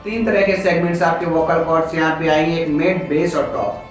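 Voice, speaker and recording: A man with an Indian accent runs an informal, classroom-like lesson as a coaching instructor, moving between English and Hindi and answering his own questions. He speaks a little fast with a fairly high voice. Echo, a distant mic, a dull tone and background music mark the recording.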